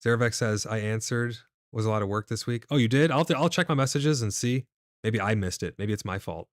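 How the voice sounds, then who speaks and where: Speaking a little fast in a lowish voice, the livestream host reads chat out loud and chats back with viewers while gaming. His voice is somewhat nasal and congested. The studio-quality audio has no room sound.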